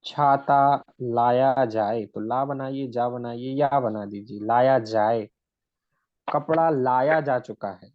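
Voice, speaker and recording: A man teaches shorthand in a recorded lesson at a very slow, deliberate pace, stretching out each word while he explains. His voice sounds dry and close, with no room echo. The recording is a bit dull and muffled. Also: mid-range voice. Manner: slow and deliberate, drawing out words one at a time.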